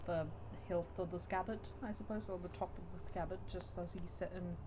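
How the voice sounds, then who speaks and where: A woman's voice: on the low side, fairly even intonation, a little fast, dark tone, poor audio. A woman playing a tabletop role-playing game, with dry, understated remarks. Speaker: player. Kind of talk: casual tabletop game chat.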